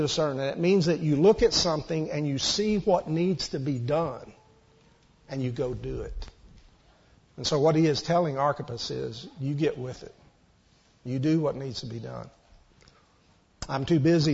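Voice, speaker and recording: A man's voice: mid-range voice, creaky, slightly rough. A man preaching a sermon, earnestly explaining Greek word meanings and urging his congregation on. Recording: dull lo-fi church recording.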